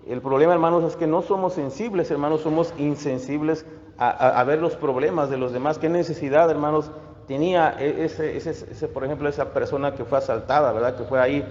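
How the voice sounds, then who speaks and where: A man's voice: fairly high pitch, a little mellow. Male pastor, stop-start preaching full of fillers, roomy reverb, dull sound. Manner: halting, many fillers and restarts. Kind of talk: sermon. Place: church. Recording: echoey hall, dull lo-fi sound.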